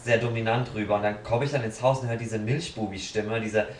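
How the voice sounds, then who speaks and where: A man's voice: fairly low pitch, fairly even intonation, brisk, far from the mic. A man in casual chat, telling stories bluntly and dramatically with acted-out quotes. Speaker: podcast guest. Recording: roomy sound from off the mic, faint noise.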